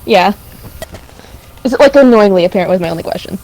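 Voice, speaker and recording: A young woman playing a tabletop game over a voice call, giggly and expressive, with faint static and echo on her line. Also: medium pitch, fast. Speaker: player. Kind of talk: casual chat over voice chat. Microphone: headphones on a voice call.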